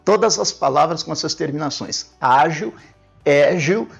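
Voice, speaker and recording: A man's voice: on the high side, animated, unhurried, creaky, husky, lo-fi sound, faint music behind. A man teaching a spelling lesson at a board, explaining each point methodically and repeating it, often tagging sentences with "né?". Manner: didactic, repeats key points with frequent "né?". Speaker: Portuguese language teacher. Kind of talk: classroom grammar lesson at a board.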